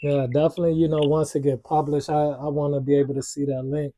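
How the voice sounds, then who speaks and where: Dark, muffled-toned American male interviewer. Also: a little high, flat delivery, fast talker, dry recording. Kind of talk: casual, reflective interview chat.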